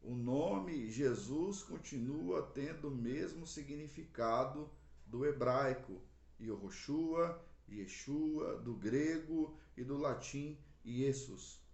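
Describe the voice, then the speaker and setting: A man's voice: medium pitch, slow pace, vocal fry, a little mellow, highs cut off. A man with a Brazilian accent giving an earnest Bible lesson, often repeating words as he explains. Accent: Brazilian Portuguese. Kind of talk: explanatory Bible teaching to camera. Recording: roomy echo.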